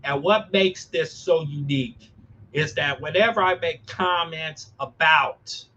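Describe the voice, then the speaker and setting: A man talking earnestly as a podcast host, emphatic and halting, often repeating his phrases. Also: a little high, sharp tone, dull audio. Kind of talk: earnest conversational talk.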